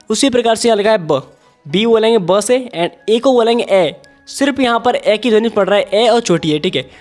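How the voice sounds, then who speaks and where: Hindi-accented guy teaching english phonics, high voice, patient, faint music behind. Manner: patient, repeats "ठीक है" and explains step by step. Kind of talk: phonics lesson.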